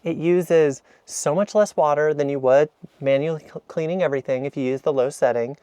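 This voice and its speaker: A man's voice: on the high side, fairly quick, mellow, clear, resonant tone, dry recording. A man in a camper van giving a chatty, rambling, self-deprecating tour of his kitchen, filmed on an action camera. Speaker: vlogger. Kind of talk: casual kitchen walkthrough vlog.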